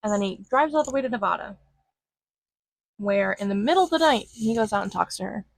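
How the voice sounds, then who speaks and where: A young woman recapping a movie in casual, flippant commentary, acting out lines in quick put-on voices. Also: medium pitch, expressive, gravelly, dry recording, low-quality recording. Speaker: movie reviewer.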